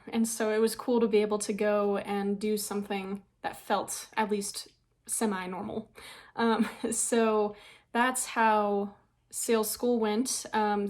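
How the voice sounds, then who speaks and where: A young woman chats to her viewers in a loose, rambling way, full of ums and quick little laughs. She sounds a touch out of breath, and her voice sits at an ordinary middle pitch for a woman. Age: young adult. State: a bit out of breath. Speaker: vlogger. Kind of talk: casual chat.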